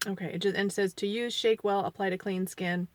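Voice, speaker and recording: In a brisk, fairly even medium-pitched voice with no room sound, a forties-aged beauty vlogger reviews a foundation in a relaxed, rambling, chatty way, teasing herself along the way. Allergies leave her slightly sniffly, and she gets quieter and mumbles while applying the makeup.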